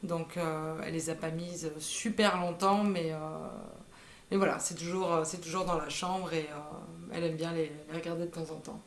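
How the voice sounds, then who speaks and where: A knitting vlogger in her thirties chats casually about her projects in a show-and-tell style. Her voice is low and fairly even at a normal pace, hesitant and full of "euh" fillers, and the room is echoey.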